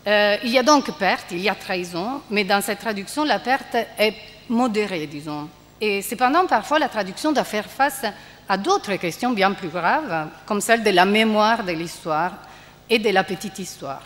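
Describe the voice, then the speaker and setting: A woman's voice: mid-range voice, lively intonation, normal speed, a bit bright. A woman giving a university lecture on translation, hesitant, with many fillers. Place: lecture hall. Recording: reverberant lecture hall.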